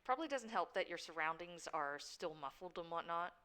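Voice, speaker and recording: A woman's voice: fairly low pitch, expressive, brisk, sharp tone, clear, resonant tone. A woman running a tabletop game as game master, improvising narration in an informal, conversational way.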